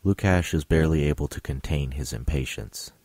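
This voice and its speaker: A man reading stage directions as narrator of an audio drama in a flat, matter-of-fact way. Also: very deep voice, fairly quick, dry recording.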